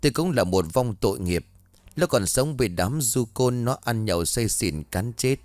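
A man's voice: mid-range voice, lively intonation, moderate pace, darkish tone, no echo, natural voice. A man voicing a pitiful male ghost who whines and pleads, from a spoken storybook. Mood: pleading. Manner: whining, pleading.

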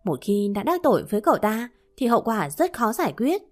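A woman's voice: on the high side, very animated, a little fast. A woman voicing a short-tempered middle-aged father who scolds his family. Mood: scolding. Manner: scolding, gruff.

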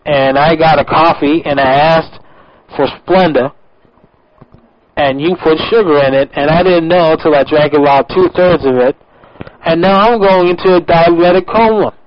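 A man's voice: on the high side, moderate pace, natural voice. A man prank-calling as a wired, rambling middle-aged war veteran who keeps tacking "man" onto his sentences. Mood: complaining. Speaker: prank caller. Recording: muffled radio phone call.

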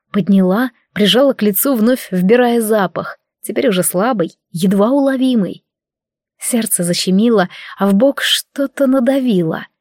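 A woman's voice: medium pitch, a little mellow, dry recording. Female audiobook narrator, mid-range voice, wry conversational first-person read, dry studio.

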